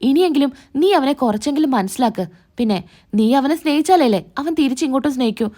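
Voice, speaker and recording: A woman's voice: high-pitched, lively intonation, fairly quick, warm tone. A woman narrating a recap of a TV serial episode, reading out every character's lines in her own plain storytelling voice.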